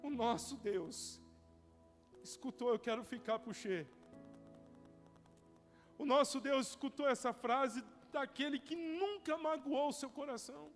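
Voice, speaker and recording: A young male pastor with a Brazilian Portuguese accent preaching a sermon, telling stories with strong feeling and swinging from loud cries to hushed whispers. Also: very high-pitched, unhurried. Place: church hall. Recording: church hall reverb with soft music.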